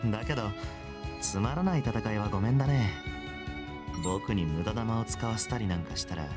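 An actor playing a confident young male top gamer, smooth and politely condescending with cool menace, in a Japanese video game. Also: lowish voice, normal speed, over music, natural voice. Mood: coolly menacing.

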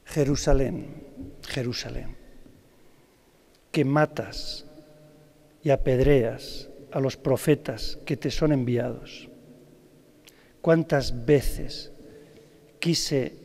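A man voicing a grieving, weeping Jesus in a soft, subdued, sorrowful voice. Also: mid-range voice, very slow, vocal fry, long pauses, voice pushed down, exaggerated voice. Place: large cathedral. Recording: long cathedral reverb.

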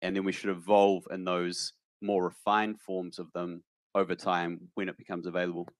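Low-voiced, measured man on a panel. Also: level tone, no echo. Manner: measured, precise explaining. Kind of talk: panel discussion. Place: conference stage with audience. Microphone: handheld mic.

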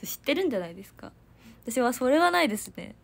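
A woman's voice: high voice, big pitch swings, fast talker, gravelly. A young woman, chatting casually and giggling on a livestream from her family home, reading out viewer comments. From Hiroshima, Japan. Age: young adult. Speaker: idol livestreamer.

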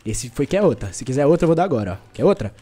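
A young man commentating his own gameplay live in quick, heavy banter with his chat. His voice is lively and jumps around in pitch. A faint hiss sits under it. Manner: slangy, excitable, joking banter with chat. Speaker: gaming streamer.

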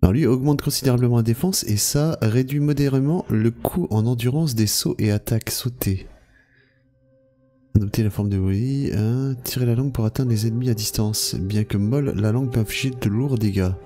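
A man's voice: mid-range voice, a little fast, dark tone. A man giving casual commentary while playing a video game, thinking aloud and reading out item descriptions. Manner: chatty, thinking aloud, reads item text. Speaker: let's play gamer. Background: game music.

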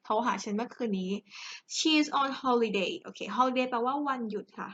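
A woman's voice: on the high side, unhurried, a bit bright. A young Thai woman teaching an English grammar lesson in a chatty, joking way, addressing her students directly. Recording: dull lo-fi recording.

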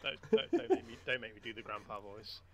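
A man on an online group call who jokes and teases a lot. His pitch leaps around wildly, and clear chatter runs behind his voice. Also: big pitch swings, a little fast. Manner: joking, teasing. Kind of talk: casual group chat.

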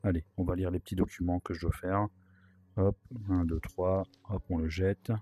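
A man with a sore throat and a worn-out, hoarse voice gives chatty, casual commentary as he plays a video game, with wry asides. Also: deep voice, little pitch movement, normal speed, mellow. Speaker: gaming video host.

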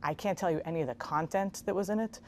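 Speaking as a guest on a TV interview, this investment executive, a woman in her thirties born in Israel, explains things in a measured way while dropping in casual fillers. Her pitch is fairly low, and the lapel mic carries a slight hiss or hum, recorded in a spacious, bright room with garden windows.

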